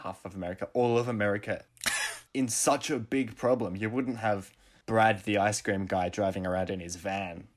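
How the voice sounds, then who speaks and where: A man's voice: on the low side, fairly even intonation, moderate pace. A young man with an Australian accent co-hosting a podcast, telling stories with mock indignation. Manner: chatty, mock-indignant storytelling. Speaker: podcast co-host. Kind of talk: casual chat.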